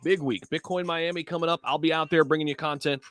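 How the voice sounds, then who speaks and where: Higher-voiced crypto bro livestream host, man. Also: fairly even intonation, fast talker, fairly bright tone, no echo, soft background music. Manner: hyped crypto bro talk, slangy and informal. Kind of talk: casual livestream chat to viewers.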